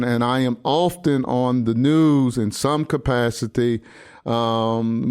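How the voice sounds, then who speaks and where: Sixties male pastor hosting his own podcast monologue, mid-pitched, resonant, stop-start and sincere. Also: a little mellow, smooth. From United States. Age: 60s. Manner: halting, many restarts and fillers, earnest. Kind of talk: personal commentary monologue.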